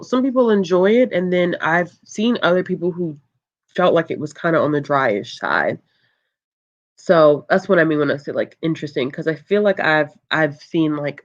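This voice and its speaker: In a muffled recording, a book channel host casually chats on a livestream and reads viewer comments. The delivery is calm and low, easygoing, full of laughter and ums.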